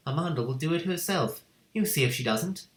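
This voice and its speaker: Clever calm schoolgirl, voiced by a male reader, high and earnest, roomy sound. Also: a little fast, natural voice. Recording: echoey room.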